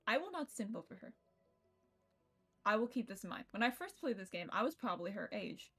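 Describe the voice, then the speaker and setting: Over soft background music, a twenty-one-year-old woman streams a visual novel, her mid-range voice brisk, very animated, sharp, and slightly rough. She chats casually and playfully with viewers, giggles often, and swears now and then.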